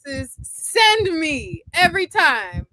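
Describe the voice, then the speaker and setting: Bright, enthusiastic high-voiced woman. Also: very animated, slow, low-quality recording. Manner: enthusiastic, exclaims often. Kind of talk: casual chat.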